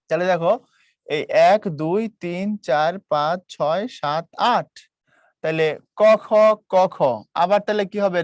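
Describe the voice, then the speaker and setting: Young man, online tutor, fairly high voice, dry close sound. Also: no room sound. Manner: explains patiently with questions to students, mixes English words; counts out loud, repeats key points. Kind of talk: live online class.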